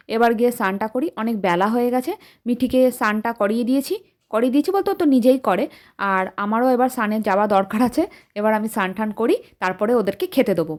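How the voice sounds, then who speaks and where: Woman in her thirties, home vlogger, easy chatty delivery addressed to viewers. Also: on the high side. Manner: chatty, talks straight to viewers; speaks softly at night so the family sleeps. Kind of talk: casual daily-life vlog.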